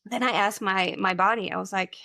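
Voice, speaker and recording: Bright, dry-sounding woman guest. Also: mid-range voice, brisk, no room sound. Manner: relaxed, talks with many fillers and "I was like". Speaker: podcast guest. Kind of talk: casual conversation.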